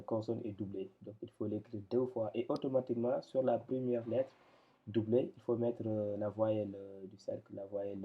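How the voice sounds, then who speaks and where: A man teaching a lesson step by step, patient and hesitant, with many pauses and fillers. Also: on the low side. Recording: dull lo-fi recording.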